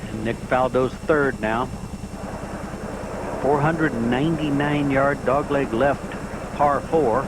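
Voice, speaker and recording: A man's voice: mid-range voice, steady tone, slow, long pauses. A man reporting live from the course as a golf commentator. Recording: very noisy outdoor broadcast sound.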